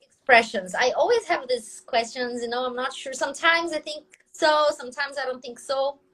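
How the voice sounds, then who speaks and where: A woman from Brazil with a Brazilian Portuguese accent, chatting and asking questions in a lively, laughing way, switching languages as she goes. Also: sits high, normal speed. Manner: animated, laughs often, switches between languages mid-sentence. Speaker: conversation partner asking questions. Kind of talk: casual multilingual chat.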